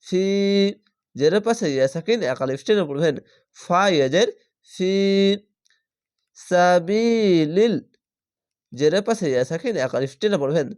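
A man teaching Quran reading who spells each word out slowly, syllable by syllable, then chants the whole word, and explains the rules patiently. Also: fairly high pitch, expressive, a little mellow. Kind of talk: spelling-out Quran recitation lesson.

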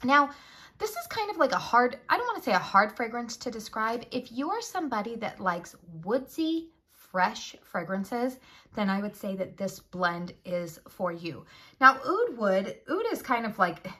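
A woman's voice: on the high side, big pitch swings, normal speed, fairly bright tone, slightly rough. A woman with a head cold and a nasal voice, chatting casually as she reviews a scented candle, friendly and full of fillers.

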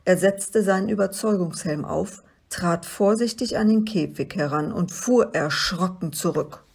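A woman reading a children's story aloud in a calm, expressive way. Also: on the low side, a little slow, vocal fry, slightly rough. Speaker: reader.

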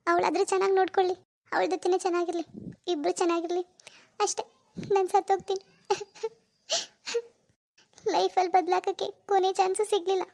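A woman's voice: very high voice, flat delivery, fast talker, vocal fry, a little mellow. A woman voicing a heartbroken young wife in a cartoon, tearful and resigned. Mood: despairing. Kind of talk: animated cartoon dialogue.

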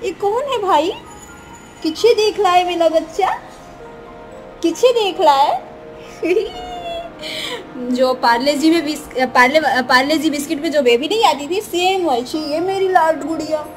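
Faint music plays as a woman with an extremely high voice vlogs inside her family home at a moderate pace. She narrates her day in a cooing, sing-song way, baby-talking with her young niece.

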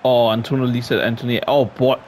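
Man, gaming youtuber, excitable football commentary, mid-pitched voice, faint noise. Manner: excitable, frequent exclamations.

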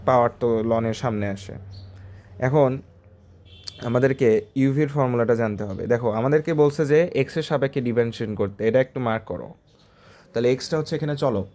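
A man's voice: medium pitch, fast, a little mellow. A male math tutor walking through exam problems step by step, talking in a conversational way and often asking the student short checking questions.

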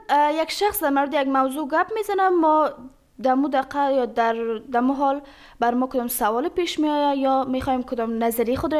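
A woman teaching English phrases, saying each example slowly and carefully and then explaining it quickly. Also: sits high.

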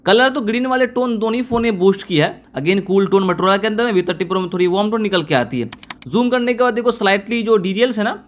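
A man with a high voice gives a casual voice-over review. He talks in a steady, explanatory way, pointing the viewer to one detail after another as he goes. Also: quick pace. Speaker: tech reviewer.

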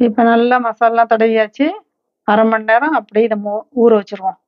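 A woman hosting a home cooking channel, calmly walking through each step and ingredient. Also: a little high, moderate pace, no echo, muffled recording. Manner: calm, instructive, listing ingredients steadily. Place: home kitchen.

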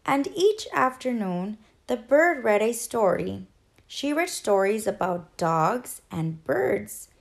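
A woman teacher reading a children's picture book aloud in an expressive, gentle storytelling manner. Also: a little high, slow, creaky.

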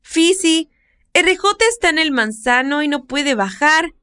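Woman putting on a high frightened little girl. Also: animated, measured pace, sharp tone, full character voice. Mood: pleading. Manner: high pleading childlike voice.

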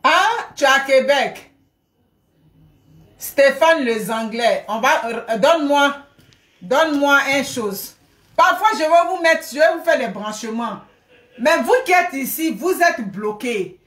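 A woman's voice: sits high, takes it slowly. Chatty woman live streaming in an echoey room. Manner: animated, chatty, often laughs, thanks viewers by name. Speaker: livestreamer. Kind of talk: casual live stream chat. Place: guest room at home.

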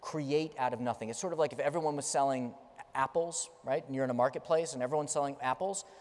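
At a conference, a middle-aged man gives a keynote, pacing the large stage and gesturing as he tells stories with emphasis. His voice is medium-pitched and a little mellow, carried by the long reverb of a big hall.

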